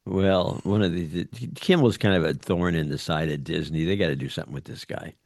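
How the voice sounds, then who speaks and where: A man's voice: low-pitched, a little fast, no room sound. A man co-hosting a casual talk show, chiming in with short, dry remarks. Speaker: co-host. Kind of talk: casual political commentary.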